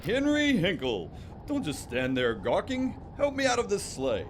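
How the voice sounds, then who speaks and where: An actor playing a jolly, wry old Santa in an audio drama, lecturing heartily. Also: male voice, high voice, huge pitch swings, measured pace, slight background noise, full character voice. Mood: hearty.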